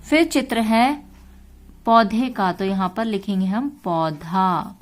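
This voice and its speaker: A woman takes children through a worksheet step by step. She sounds patient and explains things slowly. Her voice sits at an ordinary middle pitch. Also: soft background music.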